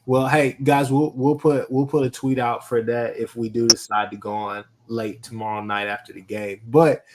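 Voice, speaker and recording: Male host, mid-pitched, easygoing, steering the panel. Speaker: podcast host. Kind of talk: casual sports podcast hosting.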